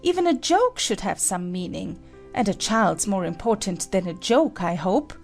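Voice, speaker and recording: Woman as imperious Red Queen, swooping pitch. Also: very animated, normal speed, creaky, faint music behind. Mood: impatient. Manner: sharp, imperious, lecturing. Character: stern, bossy, haughty queen. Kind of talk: dramatized storybook acting.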